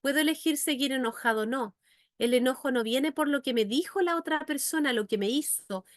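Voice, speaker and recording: A woman with a high, bright-toned voice delivers a faith-based teaching talk as a psychologist and educator. She speaks earnestly, turning to her listeners again and again with rhetorical questions. The recording is close and dry, with no room sound. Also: fairly quick, no echo.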